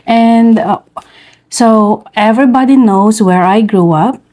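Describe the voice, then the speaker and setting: A woman with a Filipino accent co-hosts a casual vlog, her voice warm and mellow. She leads the chat with curious questions and moves easily between English and Tagalog. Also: on the high side, slow. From Philippines. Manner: inquisitive, switches into Tagalog. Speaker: vlog co-host. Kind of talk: casual chat, interviewing partner.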